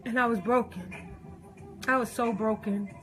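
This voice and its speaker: Middle-aged woman, high and bright, emphatic preachy rant with repeated phrases, faint music under. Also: fairly even intonation, normal speed, poor audio. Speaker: social media poster. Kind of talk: impassioned personal rant.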